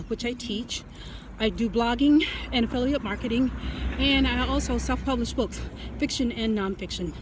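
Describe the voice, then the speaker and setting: Breathless American woman talking through a mask. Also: on the high side. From United States. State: out of breath from walking. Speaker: host of a writing-tips video series. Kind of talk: casual advice vlog. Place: outdoors, walking. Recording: outdoor traffic and street noise.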